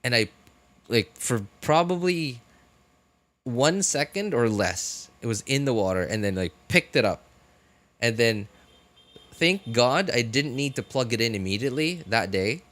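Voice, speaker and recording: A man chats casually as a live streamer, rambling through his reasoning and arguing his points conversationally while often checking in with short questions. His mid-range voice is expressive and fairly bright, and he speaks a little slowly. Music plays in the background.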